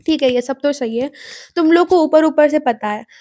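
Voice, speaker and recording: High, mellow-voiced young woman lecturing. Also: moderate pace, no room sound, studio quality. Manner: direct, lecturing, asks the audience pointed questions. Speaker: student commentator. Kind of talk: casual commentary to viewers.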